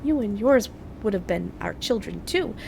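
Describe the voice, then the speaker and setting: A woman's voice: lively intonation, normal speed, creaky, warm tone, a little hiss or hum. A woman voicing a playful, mischievous female pixie from a fantasy game, with an airy, theatrical and lofty manner toward mortals. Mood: fond, grateful. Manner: airy, theatrical, addresses listeners as lowly mortals.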